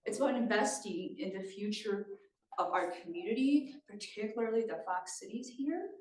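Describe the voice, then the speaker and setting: Her voice mid-range, expressive, and a little mellow, a woman from Thailand presents at a moderate pace to a community meeting. The talk is conversational and engaging, with frequent check-ins with listeners, and the distant mic makes it sound roomy.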